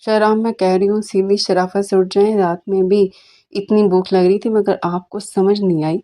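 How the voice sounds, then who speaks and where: A woman's voice: mid-range voice, little pitch movement, mellow, natural voice. A woman voicing an indignant young bride in a romantic audiobook novel, complaining to her husband.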